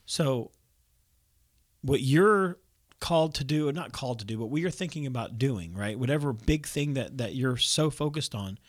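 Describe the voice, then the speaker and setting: A man's voice: medium pitch, animated, normal speed, dry recording. A man co-hosts a casual faith podcast, rambling and correcting himself as he works through his point, often laughing at himself. His voice sits in a middle range. The sound is dry and close. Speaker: podcast co-host.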